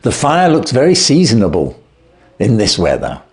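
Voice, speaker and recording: A man voicing a shrewd, calm gentleman detective who speaks blandly and with sweet irony. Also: on the low side, moderate pace. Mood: cheery. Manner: bland, sweetly ironic, assured.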